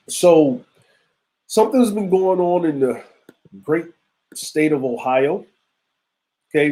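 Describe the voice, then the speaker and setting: In this low-quality recording, a mellow, mid-range male voice belongs to a show host around forty. He runs a live stream with casual commentary, chatting loosely with slang and side remarks aimed at his chat.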